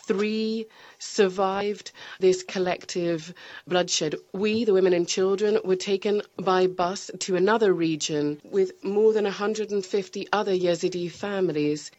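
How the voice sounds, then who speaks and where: A woman's voice: medium pitch, a little mellow, highs cut off. Woman's voice on a live interpreter feed. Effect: live interpreter feed relayed from a council chamber. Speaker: simultaneous interpreter. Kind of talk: first-person interpretation of testimony.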